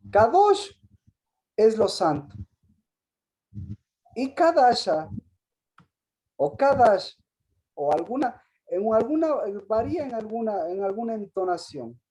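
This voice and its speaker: A woman giving a Sabbath Bible teaching, often asking her listeners questions, restarting phrases and clearing her throat. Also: mid-range voice, expressive, unhurried, warm tone.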